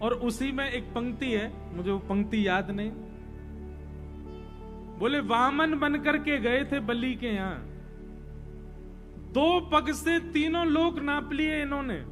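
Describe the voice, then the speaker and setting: High-voiced devotional storyteller man. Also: slow pace, long pauses, over music. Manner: acts out child and devotee voices, breaks into song. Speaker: storyteller preacher. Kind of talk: devotional storytelling sermon with singing.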